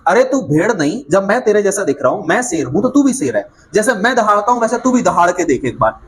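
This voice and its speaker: A man's voice: high-pitched, big pitch swings, fast, a little hiss or hum. Man doing a stern fatherly lion. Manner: scolding, urging.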